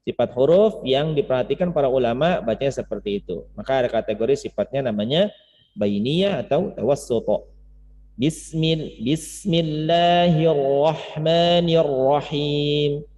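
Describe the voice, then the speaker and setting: A man teaches Quran recitation in an informal online class, explaining and repeating syllables and words in chanted demonstrations. His medium-pitched, warm voice is lively and fairly quick, though the Zoom audio is muffled and full of reverb.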